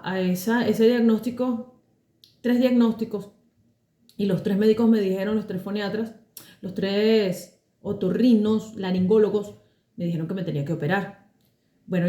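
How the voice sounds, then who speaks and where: A Venezuelan woman with a deep chest voice, calmly telling a personal story as a voice teacher, unhurried and pausing often. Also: echoey room. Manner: calm, unhurried, with many pauses and fillers.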